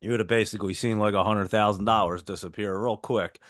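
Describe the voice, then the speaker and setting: This is casual live market chat from a stock trading livestream host, a man with a heavy New Jersey accent who goes chatty through his picks, viewer messages and ticker symbols. He talks quickly in a lowish, slightly bright voice with fairly even intonation, and the studio-quality recording has no room sound.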